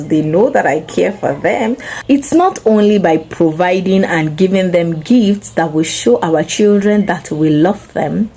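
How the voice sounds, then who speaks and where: A young woman speaks slowly in a low, mellow voice as she hosts a parenting channel. Her tone is earnest and gentle, and she addresses parents directly with advice. She never hurries. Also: rough recording. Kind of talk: spoken parenting advice to camera.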